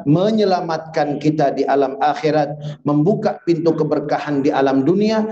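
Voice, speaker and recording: A man giving a religious lesson to a live audience. He keeps quizzing his listeners with quick questions and chants Arabic prayer phrases slowly. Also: fairly high pitch, dark tone. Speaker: religious teacher. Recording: echoey, slightly dull hall recording.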